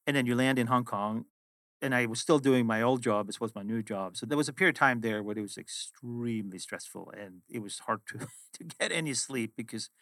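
This is a fairly bright, medium-pitched male voice moving at a fairly quick clip, recorded with no room sound. The speaker, a middle-aged finance executive from Sweden, is a native Swedish speaker with a matching accent. He appears as a guest in a relaxed interview, sharing reflective stories about his work.

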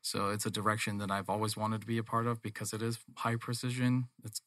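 Man, North American accent, low-pitched, dry close sound, earnest, conversational, business owner. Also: completely flat delivery, fast, a bit bright, no room sound. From England, later Toronto, Canada. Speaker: guest, manufacturing business owner. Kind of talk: conversational interview.

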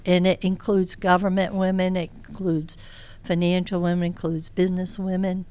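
Very old woman, low clear voice. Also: level tone, normal speed, dark tone. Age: elderly. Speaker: interview guest, career coach. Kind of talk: reflective interview conversation.

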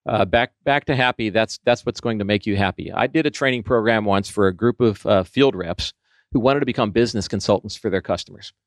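Fast-talking low-voiced man. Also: no echo. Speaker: training consultant. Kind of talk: conversational interview.

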